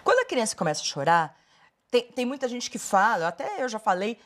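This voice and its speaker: Lively Brazilian woman hosting morning TV. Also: on the high side, fairly quick. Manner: reads out numbered tips, asks follow-up questions. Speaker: TV show host. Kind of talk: TV morning show interview.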